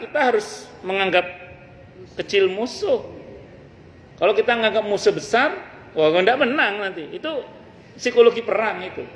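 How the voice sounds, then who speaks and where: A man gives a mosque study sermon, telling stories with jokes and acting out the people he quotes. His voice sits somewhat high for a man. It rings through a large echoey hall over a faint hum. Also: a bit bright. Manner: humorous storytelling, acts out quoted speakers. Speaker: preacher teaching a study circle.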